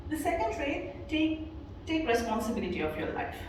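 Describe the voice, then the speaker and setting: A woman's voice: high voice, big pitch swings, moderate pace, a little mellow, slight background noise. A woman from Bangladesh gives a motivational speech as a guest speaker, telling stories earnestly with frequent fillers. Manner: earnest storytelling with frequent "you know" fillers. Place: event hall. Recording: echoey hall, voice from a distance.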